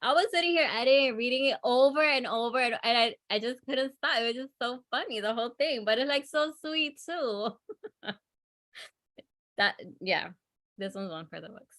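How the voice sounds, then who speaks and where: A woman's voice: a little high, animated, a little fast, a bit bright. A woman chatting casually and effusively as the host of a reading event. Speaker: host and editor of a story reading. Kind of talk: casual chat.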